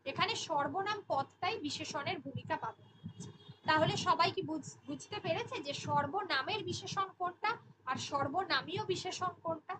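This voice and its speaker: A woman's voice: extremely high pitch, normal speed, noisy background. A woman teacher explaining grammar in an online class, patiently working through examples.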